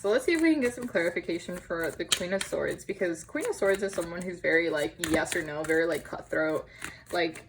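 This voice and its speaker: A woman's voice: lowish voice, fairly quick, background noise. A young woman giving a casual tarot reading to camera, chatty and empathetic, with many fillers and small laughs. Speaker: tarot reader. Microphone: camera on tripod.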